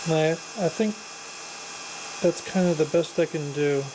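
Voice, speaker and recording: A woman's voice: deep voice, steady tone, a little slow. A woman giving a casual, unscripted build walkthrough as a hobbyist presenter, hesitant and self-deprecating, with machine noise behind her. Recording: clear machine noise in background.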